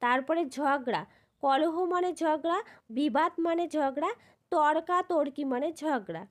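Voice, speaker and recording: A woman teacher explaining a grammar lesson step by step. She spells out syllables slowly and keeps asking whether her students follow. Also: sits high. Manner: repeats a checking question at the end of each point.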